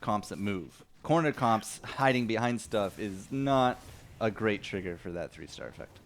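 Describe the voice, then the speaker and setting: A young man casting a live esports match, excitable and quick to laugh, chatting with viewers between plays. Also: on the low side. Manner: excitable, laughing, talks to chat. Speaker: esports caster. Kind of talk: live game commentary.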